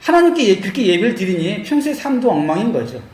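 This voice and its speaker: A man preaching a lively Bible-study sermon, acting out quoted voices and laughing as he goes. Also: high-pitched, quick pace, reverberant. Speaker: pastor.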